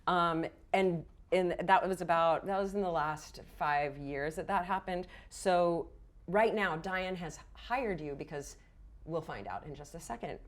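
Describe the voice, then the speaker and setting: On an indoor studio set, a woman game master narrates a fantasy tabletop roleplaying game with playful, theatrical storytelling. Her voice sits on the low side and her pace is measured.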